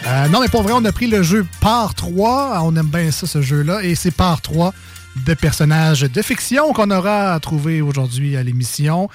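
A man's voice: a little high, normal speed, no room sound, faint music behind. A man with a Quebec French accent hosting a radio game show, playful and teasing, laughing often in casual banter.

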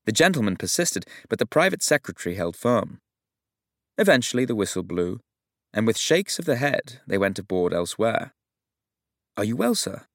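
Reading a novel as its narrator, a man keeps an even, measured storytelling pace. His voice is on the low side, with no room sound and a clean studio quality.

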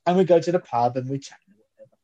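A man's voice: a little high, dark tone, dull audio. Rambling man telling stories. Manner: rambling, halting storyteller. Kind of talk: casual chat.

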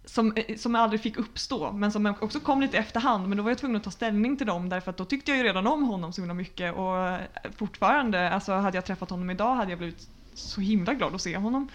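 A woman's voice: mid-range voice, hardly any pauses. A woman speaking earnestly and reflectively in a casual podcast conversation, with many fillers.

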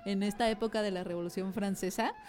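A woman's voice: mid-range voice, fairly even intonation, fast, darkish tone. A woman with a Mexican accent, co-hosting a casual film chat and musing aloud in a chatty way. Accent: Mexican Spanish. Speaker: podcast co-host.

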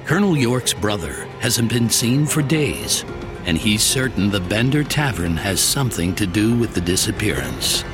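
A man's voice: fairly low pitch, animated, normal speed. A man narrating a scripted true-crime documentary in an ominous, suspenseful horror-trailer manner. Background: music behind the voice.

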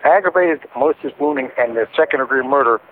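A man talks from prison over a narrow, tinny phone line. His voice sits at an ordinary pitch for a man, and a faint hiss runs underneath. He speaks plainly and haltingly, with fillers. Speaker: inmate interviewee. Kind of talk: casual phone conversation.

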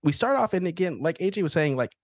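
A podcast co-host in casual chat, slangy and sweary, telling things haltingly and quoting their own reactions. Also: mid-range voice, expressive, no room sound, clean studio sound. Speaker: podcast co-host reviewing short films.

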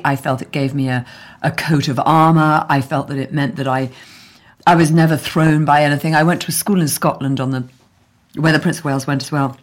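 An English woman being interviewed over lunch, speaking earnestly and reflectively, often restarting her sentences. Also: sits low. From England. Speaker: guest.

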